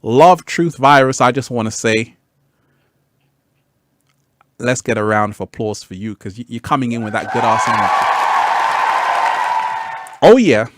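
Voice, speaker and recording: A man's voice: mid-range voice, lively intonation, measured pace, pauses often, a bit bright. A man hosting a live stream, chatting with viewers and reading their comments in a laid-back way, laughing often and repeating his phrases. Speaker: livestream host.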